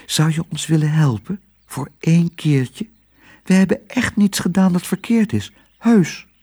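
A man's voice: mid-range voice, wildly swooping pitch, moderate pace, darkish tone, breathy edge, full character voice. A man voicing a small, earnest girl who pleads in a storybook reading. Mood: pleading. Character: small brave girl on the run.

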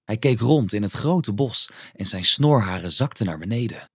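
Male storybook narrator, lively melody, unhurried, close dry read. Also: on the low side, slightly rough, dry recording. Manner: expressive, storytelling. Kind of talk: scripted narration of a children's story.

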